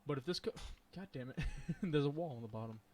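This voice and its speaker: A man with a high-ish, darkish voice speaks fast and animatedly while streaming his coding session. He thinks out loud, rambles with lots of ums and hesitations, and jokes and laughs with viewers.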